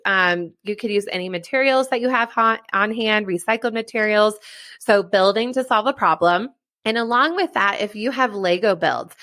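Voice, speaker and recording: A woman educator presents to fellow teachers at an online summit, upbeat and chatty, laughing lightly at her own slips. Her voice sits at a middle pitch, and the recording is close and dry, with no room sound. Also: a bit bright, no echo. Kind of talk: presentation talk.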